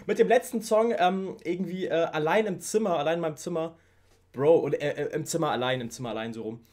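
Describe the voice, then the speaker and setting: A young man hosting a music reaction video, gushing in excited, slangy casual commentary. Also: fairly high pitch, fast. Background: faint hip hop track playing.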